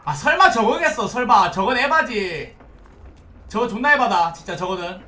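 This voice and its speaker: Young man, game streamer, excitable, swearing, bright tense voice, roomy distant mic. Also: high-pitched, normal speed. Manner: excitable, swears often, pleads loudly with teammates. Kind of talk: live gameplay commentary. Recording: roomy, distant mic, faint background noise.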